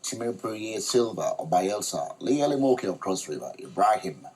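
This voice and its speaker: A man hosting a studio talk show, reading a news report in a measured, formal way. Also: lowish voice, big pitch swings, a little mellow, breathy edge, low-quality recording.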